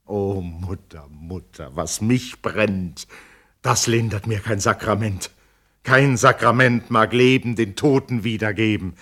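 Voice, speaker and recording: A man voicing a young woman in grief, despairing and defiant, in a dramatic poetry recitation. His delivery swings between hushed lament and loud outcry. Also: fairly low pitch, slow, heavily acted.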